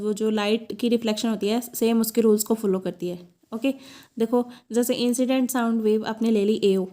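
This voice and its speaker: Mellow-voiced woman teaching a lesson. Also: fairly high pitch. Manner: explains step by step, asks herself questions, reads English definitions slowly. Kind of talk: classroom lecture.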